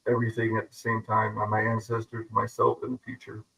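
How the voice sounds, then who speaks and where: Bright-voiced man in casual chat. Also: on the low side, fast talker, vocal fry, rough recording. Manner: animated storyteller, slips into voices of others.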